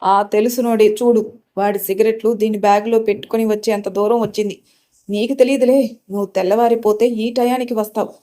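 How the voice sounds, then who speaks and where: A woman's voice: mid-range voice, fairly even intonation, fairly quick, natural voice. A woman voicing an angry, strict middle-aged village mother who scolds her daughter. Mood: scolding. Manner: scolding, shouting.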